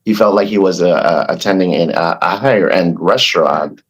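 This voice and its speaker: Man, low pitch, husky, earnest podcast guest, restaurant founder. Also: normal speed. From Philippines. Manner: earnest, with frequent restarts and fillers. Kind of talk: casual podcast interview.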